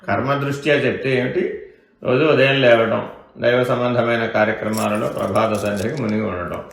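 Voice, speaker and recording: A man's voice: mid-range voice, fairly even intonation, fairly quick, vocal fry, fairly bright tone. A man giving a question-and-answer spiritual discourse as a teacher, keeping his listeners engaged with rhetorical questions. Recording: echoey room.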